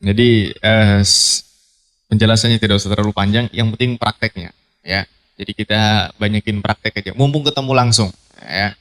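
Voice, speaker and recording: Low-voiced man teaching Quran recitation. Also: moderate pace. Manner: relaxed, repeats points, clears throat often. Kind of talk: live tajwid lesson to students. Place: study hall at a training event.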